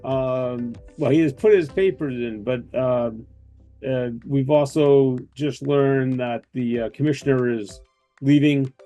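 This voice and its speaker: Man, warm mellow tone, rambling host chatter, faint music behind. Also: mid-range voice, slow. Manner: loose, rambling, many fillers. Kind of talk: casual online webinar hosting.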